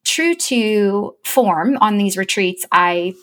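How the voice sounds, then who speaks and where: Animated woman telling a story. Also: slow. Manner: animated, gets high and excited when quoting herself. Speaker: guest; chief operating officer. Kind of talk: casual storytelling interview.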